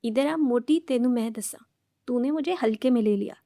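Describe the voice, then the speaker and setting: A woman's voice: fairly high pitch, normal speed, warm tone, dry recording, lightly acted. A woman voicing a bold young female student who is bossy and playfully teasing as she talks. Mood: scrappy.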